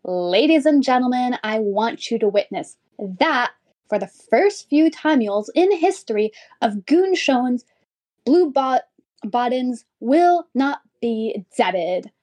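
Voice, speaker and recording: A man voicing a squeaky, cowardly, boastful schoolboy in a 1950s radio comedy, reading his own stage directions aloud and mangling words. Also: lively intonation, slow pace, darkish tone, exaggerated voice. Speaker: comic character.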